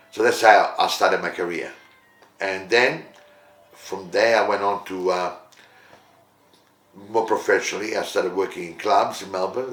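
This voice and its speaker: An older man from Italy telling the story of his music career in an interview, rambling and halting with many fillers. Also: sits low, a bit bright, roomy sound. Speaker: musician guest.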